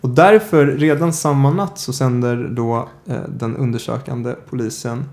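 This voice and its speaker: A man hosting a podcast, telling a true-crime story in a casual way, often pausing on filler sounds. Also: mid-range voice, fairly even intonation, a little mellow. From Sweden. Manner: hesitant, many filler "eh"s. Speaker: podcast host.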